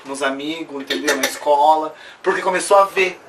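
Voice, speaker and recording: A woman's voice: sits low, fairly quick, noisy background. Earnest São woman telling her story. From Brazil. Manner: earnest and emotional, full of tag questions. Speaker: interviewee. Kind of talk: personal life story told in an interview. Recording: distant mic with faint room ambience.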